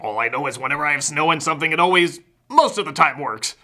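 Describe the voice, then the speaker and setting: A man's voice: fairly high pitch, fast, sharp tone. A man giving a sarcastic comedic film review, jumping into exaggerated mock voices.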